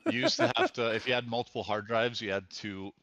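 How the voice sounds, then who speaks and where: A man's voice: medium pitch, huge pitch swings, fairly quick, gravelly, a bit bright, no echo. A man co-hosting a game stream, telling rambling stories in casual chat and apologizing for going on. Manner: rambling anecdotal, self-deprecating. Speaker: co-host.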